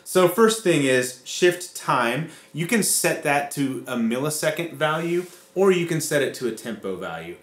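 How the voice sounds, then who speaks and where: A man's voice: a little high, sing-song, normal speed, few pauses, reverberant. A man casually explaining guitar effect settings step by step, with frequent fillers. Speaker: co-host demonstrating guitar effects.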